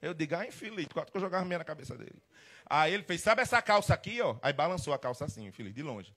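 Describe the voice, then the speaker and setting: A man's voice: on the high side, animated, fast talker, sharp tone. A man giving a humorous storytelling lecture as a marketing consultant, acting out both sides of the dialogues. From Rio Grande do Norte, Brazil. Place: restaurant event hall.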